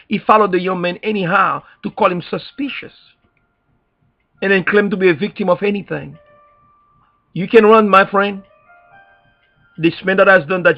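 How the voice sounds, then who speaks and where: Vocal fry edges the high voice of this Haitian-accented activist, whose public address sounds like a sermon built on repeated phrases and pointed rhetorical questions. The sound is dull and lo-fi, with faint background music.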